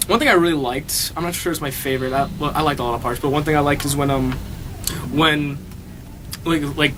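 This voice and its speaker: A man's voice: fairly high pitch, steady tone, a little fast, background noise. Hesitant, rambling teenage boy. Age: teens. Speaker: high school actor. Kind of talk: casual interview.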